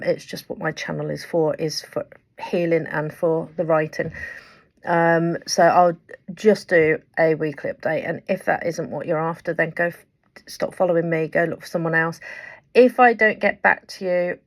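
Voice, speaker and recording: A woman talks straight to her viewers in a heartfelt weekly update. Her voice sits low and has a gravelly, fried edge. She speaks with fervent conviction and trails through plenty of ums. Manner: earnest, impassioned, rambling with fillers. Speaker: vlogger and writer. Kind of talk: direct-to-camera weekly update.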